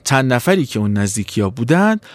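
A man narrating a children's story in an expressive, animated way. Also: mid-range voice, dry recording.

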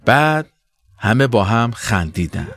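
A man narrating a children's story with an expressive storytelling voice. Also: mid-range voice.

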